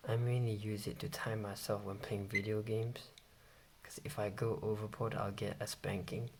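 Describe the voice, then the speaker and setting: Hushed, creaky-voiced late-night vlogger. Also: mid-range voice, little pitch movement, normal speed. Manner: speaking very quietly, hushed as if at night while others sleep. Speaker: vlogger reviewing gadgets. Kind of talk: casual hushed vlog chat. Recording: noisy home recording with clicks.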